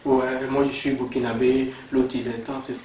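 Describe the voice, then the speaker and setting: An actor playing a gentle Burkinabé suitor who explains himself calmly. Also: male voice, medium pitch, moderate pace, a little hiss or hum, natural voice. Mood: troubled. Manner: calm, explaining himself earnestly. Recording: roomy and distant, music behind.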